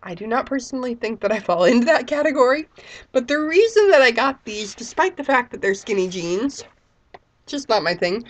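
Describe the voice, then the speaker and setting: A woman's voice: on the high side, lively intonation, a little fast. Chatty sick-voiced woman in her thirties. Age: 30s. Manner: chatty, rambling with fillers. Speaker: vlogger. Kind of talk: casual chat.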